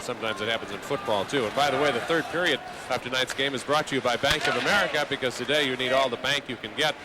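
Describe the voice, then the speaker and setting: A man calls a hockey game live on radio, fast and medium-pitched, wordy and wry, tucking conversational asides between the calls. Arena noise from the live broadcast fills the background.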